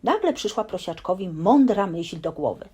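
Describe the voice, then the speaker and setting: A woman reading a bedtime story aloud in a lively, expressive storytelling manner. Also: mid-range voice, moderate pace, slightly rough.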